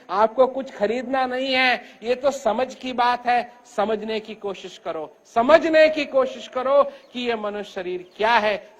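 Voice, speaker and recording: An older man giving an emphatic spiritual discourse, speaking loudly and from the heart, his voice rising and falling. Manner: rises and falls in pitch and loudness. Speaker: spiritual teacher.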